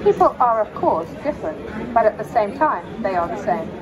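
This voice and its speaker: Synthetic female humanoid robot, mid-pitched, formal and measured, recorded on a noisy expo floor. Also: lively intonation, muffled recording. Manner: formal, measured phrasing without contractions. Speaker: interviewee. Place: busy tech expo hall. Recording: loud crowd and music behind.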